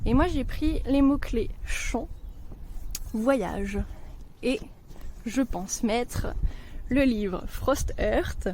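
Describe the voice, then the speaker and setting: A woman with a higher, mellow voice talks about books in a relaxed, chatty way, often pausing mid-sentence. She is recorded outdoors on a walk among trees, with a faint outdoor hush behind her. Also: slight background noise, low-quality recording. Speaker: book vlogger. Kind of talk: casual book chat while walking.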